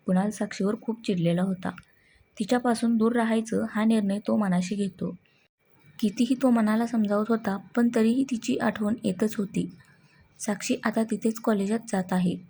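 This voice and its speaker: A woman narrating a scripted family story in an even, plain reading tone. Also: mid-range voice, moderate pace, a little hiss or hum.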